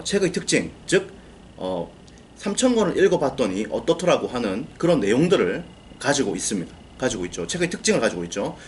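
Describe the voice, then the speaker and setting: A man lectures on writing books with a lively, animated voice. He explains step by step, repeats key phrases and answers his own questions. Faint noise sits under the voice. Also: mid-range voice. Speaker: book-writing coach.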